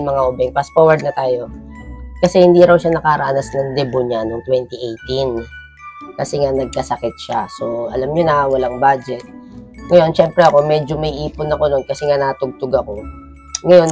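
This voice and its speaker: A woman co-hosting a couple's vlog, telling the story in a lively way and speaking straight to the viewers. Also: deep voice. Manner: animated, speaks directly to viewers. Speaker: vlogger co-host. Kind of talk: casual vlog chat to viewers.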